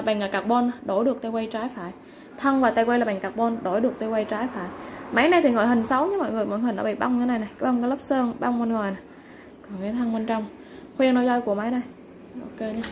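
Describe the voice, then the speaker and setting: A woman seller giving a polite, informal product sales pitch, going item by item with repeated stock phrases. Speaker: online seller of used fishing reels. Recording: clearly noisy background ambience.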